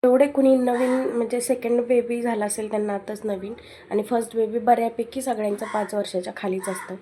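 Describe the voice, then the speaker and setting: A woman's voice: fairly high pitch, mellow, a little hiss or hum. A young woman with a Marathi accent, talking candidly about her children and advising other mothers in a casual home vlog. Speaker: vlogger and mother.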